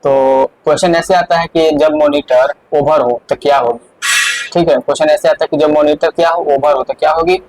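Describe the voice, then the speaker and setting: A man's voice: a little high, steady tone, normal speed, a little mellow, slight background noise, rough recording. A male teacher giving an exam-prep lesson, explaining step by step and repeating the key points with frequent fillers.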